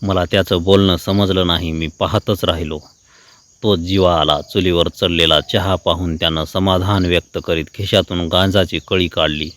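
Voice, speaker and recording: A man narrating a short story in a steady, measured reading. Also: low-pitched.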